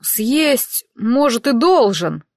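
A woman's voice: a little high, very animated, very slow, dry recording, studio quality, heavily acted. A woman doing a sulky young werewolf. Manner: gruff, stubborn muttering. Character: scruffy young werewolf man, proud and sulky. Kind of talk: audiobook character voice.

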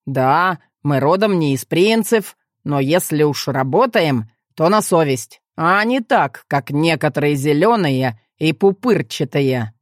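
A woman voicing a blunt, cheerful young male athlete who teases in a deadpan, rough way. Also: low voice, measured pace, hardly any pauses, no echo, studio quality. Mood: teasing.

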